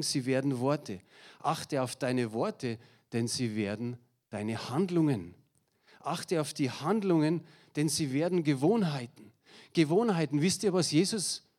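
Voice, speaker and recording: A man's voice: fairly high pitch, measured pace. A middle-aged man preaching a sermon to a congregation, speaking directly to his listeners and mixing in personal anecdotes with self-deprecating humor. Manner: lively, addresses the congregation directly, with a slide presentation.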